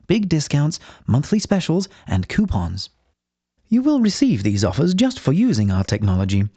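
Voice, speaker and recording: A man's voice: fairly high pitch, dark tone, husky, no echo. A man reading a scripted installation tutorial in a chatty, reassuring, instructive manner, on dull, muffled audio. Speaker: instructional video narrator.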